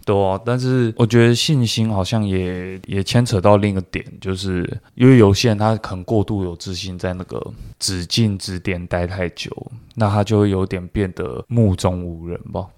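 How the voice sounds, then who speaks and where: A man co-hosting a casual podcast chat with a Taiwanese Mandarin accent, chiming in with quick quips. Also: low voice, fairly even intonation, darkish tone. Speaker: podcast co-host.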